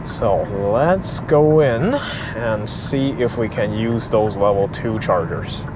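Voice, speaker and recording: A man's voice: on the low side, slow pace. A man casually narrating an electric car road trip vlog, explaining things with frequent ums and uhs, recorded in a car and outdoors in a parking lot. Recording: noisy outdoor vehicle ambience.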